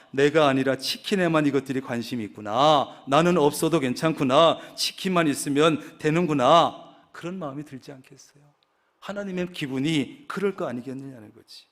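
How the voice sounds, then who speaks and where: A man's voice: on the high side, fairly bright tone. A male pastor preaching a sermon, telling stories and acting out the voices he quotes.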